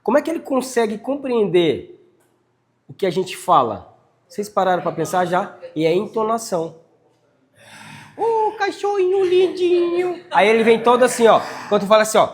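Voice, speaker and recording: A man leading a casual workplace training talk, animated and addressing his team directly with frequent tag questions. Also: sits high, brisk. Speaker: team leader giving a workplace briefing.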